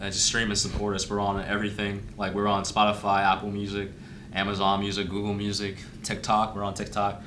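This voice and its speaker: A young Thai man with a lowish voice talks briskly about his band, the frontman chatting animatedly and acting out quotes. He's recorded on a boom mic in a small indoor studio room, with noise in the background.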